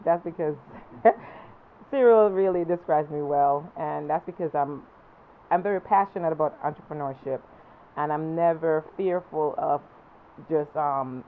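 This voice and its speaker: A woman from Jamaica with a Jamaican accent, a guest entrepreneur talking about her work, halting and full of ums. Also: low voice, phone-quality sound, slight background noise. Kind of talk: talk show interview.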